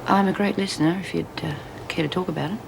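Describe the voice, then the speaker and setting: A woman's voice: lowish voice, steady tone, fast. An actress playing a blunt but sympathetic woman prisoner, direct and probing, in a television drama. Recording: clear background noise.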